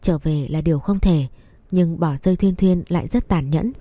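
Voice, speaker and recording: A woman narrating a story in a steady, even reading voice. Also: on the low side, moderate pace, no echo.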